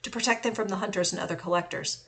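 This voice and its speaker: A woman reading the lines of a calm, secretive man who keeps dragons, explaining things matter-of-factly. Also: mid-range voice, rapid-fire, vocal fry. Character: calm, secretive adult male dragon collector.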